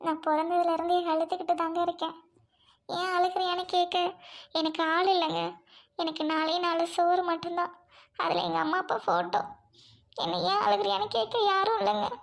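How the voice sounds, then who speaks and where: A woman voicing a lonely orphaned young woman who talks through tears, pleading and sobbing. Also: very high-pitched. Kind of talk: amateur dialogue drama.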